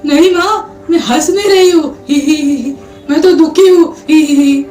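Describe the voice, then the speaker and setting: A woman's voice: high-pitched, normal speed, close to an everyday voice. A woman voicing a young bride who giggles through everything she says. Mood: giggly. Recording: roomy, distant mic, faint music.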